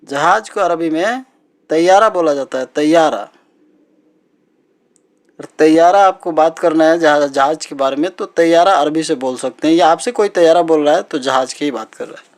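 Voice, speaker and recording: A patient man repeating vocabulary words. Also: fairly high pitch. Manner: repeats each word several times, slow and patient. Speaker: language teacher. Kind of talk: teaching Arabic words in Hindi.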